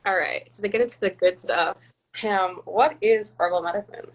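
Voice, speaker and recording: A woman's voice: mid-range voice, normal speed, poor audio. A young woman in her twenties, a pharmacy student interviewing a guest, eager and tripping over her words at times. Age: 20s. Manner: eager, stumbling restarts. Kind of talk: asking interview questions.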